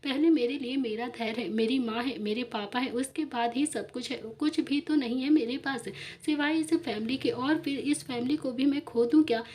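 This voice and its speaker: A woman's voice: high voice, normal speed, few pauses, darkish tone, a little hiss or hum, natural voice. A woman voicing a tearful young wife in a spoken family story, pleading through tears.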